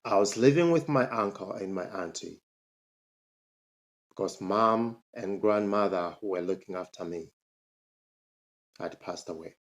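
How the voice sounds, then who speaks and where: Speaking at an unhurried pace with long pauses, this Zambian motivational speaker recounts his life story on camera. His delivery is emphatic, with a sharp upward jump in pitch whenever he asks a rhetorical question.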